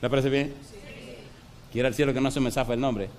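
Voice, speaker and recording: A man's voice: medium pitch, steady tone, a little fast, darkish tone. A middle-aged man preaching a sermon as a pastor, who tells stories with acted dialogue and keeps asking the congregation questions.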